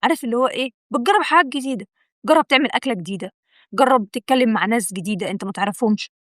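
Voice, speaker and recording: A young Egyptian woman talks straight to her viewers in a rapid, encouraging pep talk, her voice sitting a touch high. She repeats key words for emphasis and keeps it chatty and direct. The sound is close and dry, with no room around it. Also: fairly bright tone, dry recording. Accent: Egyptian Arabic. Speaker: video host. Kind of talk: motivational talk to camera.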